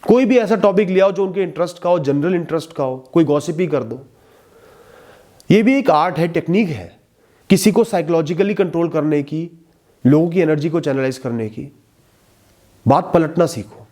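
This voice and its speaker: A man giving calm, measured advice in a talk, often dropping to a soft, hushed tone. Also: a little high. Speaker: motivational speaker.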